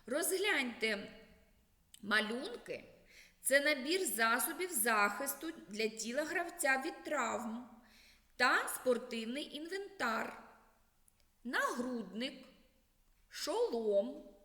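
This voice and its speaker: A woman with a high voice leads a children's literacy lesson at an unhurried pace. Her sing-song teacher delivery swoops up and down. The recording has a roomy, echoing sound with a long reverb tail. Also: sharp tone. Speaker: primary school teacher. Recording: echoey room with long reverb.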